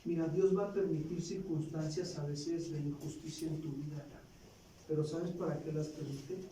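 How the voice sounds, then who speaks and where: A man preaching a sermon as pastor, often pausing for the congregation to finish his sentences. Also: fairly high pitch, steady tone, dark tone, distant mic. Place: church hall. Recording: echoey church, off-mic, faint hiss.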